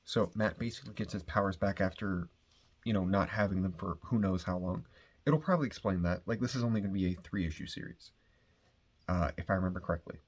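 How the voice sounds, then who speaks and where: A man's voice: low-pitched, fast, slightly rough, muffled recording. A man casually recapping a comic book's plot, rambling with lots of fillers and the odd swear word. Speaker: comic book reviewer.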